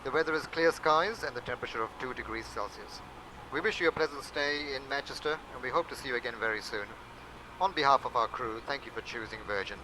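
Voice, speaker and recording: A man's voice: mid-range voice, fast. A man, an airline captain, giving a formal cabin announcement to passengers from the flight deck. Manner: formal scripted announcement delivery. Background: loud cockpit engine and radio noise.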